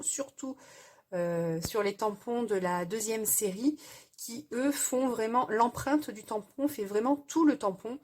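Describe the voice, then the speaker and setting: A woman hosting a casual crafting tutorial, explaining step by step in a hesitant way with frequent pauses and fillers. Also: a little high, a little mellow, husky.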